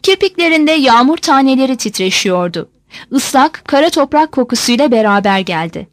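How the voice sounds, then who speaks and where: A woman reading a novel aloud as an audiobook, in a measured and expressive storytelling manner. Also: high voice, no echo. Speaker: audiobook narrator. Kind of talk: literary audiobook narration.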